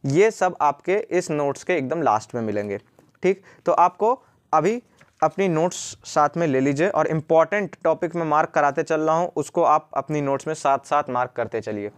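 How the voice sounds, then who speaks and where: A man's voice: on the high side, normal speed, smooth. A young man tutoring students through their notes in a casual mix of Hindi and English, often saying "ठीक". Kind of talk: screen-recorded study lesson.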